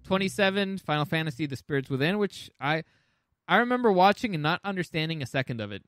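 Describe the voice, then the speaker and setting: This man co-hosts a podcast and talks fast and animatedly as he ranks movies, giving loose opinions, stumbling into restarts, and swearing casually. His voice is fairly high and fairly bright. The sound is close and dry, without room sound.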